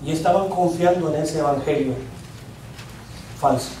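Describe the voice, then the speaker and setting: A man preaching a sermon as pastor, with pauses, letting his voice drop at the ends of lines. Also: fairly high pitch, dark tone, slight background noise. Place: church hall. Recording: very echoey church hall from far off.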